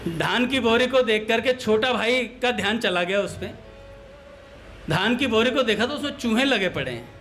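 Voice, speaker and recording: Bright high-voiced man telling a devotional story. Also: expressive, normal speed, soft background music. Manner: storytelling, mimics lisping voices for comic effect. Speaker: satsang speaker. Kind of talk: devotional talk with anecdotes and a humorous story.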